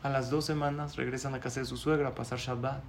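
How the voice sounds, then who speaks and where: A male rabbi, telling a story in a sermon, animated and chuckling, asking the audience questions. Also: medium pitch, fast, a little hiss or hum.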